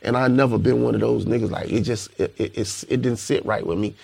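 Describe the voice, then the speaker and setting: The guest is a man, a rapper from Panama City, Florida, relaxed and reflective in a casual interview. His high-pitched voice moves briskly in a steady tone, husky and darkish with vocal fry, and "you know what I'm saying" recurs throughout.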